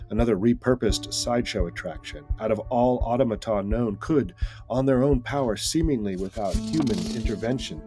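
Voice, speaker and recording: A man reads aloud from his own novel, unhurried and deliberate, with a fairly low voice. Guitar music sounds clearly underneath the reading. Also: dark tone. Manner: measured, deliberate storytelling. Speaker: author.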